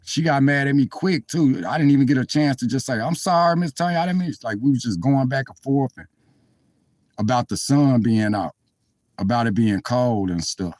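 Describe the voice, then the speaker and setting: This live-stream vlogger chats casually from his car in cold weather, rambling sincerely and apologizing to viewers. He speaks at a moderate pace in a mid-range, darkish voice, with no room sound on the dry phone mic.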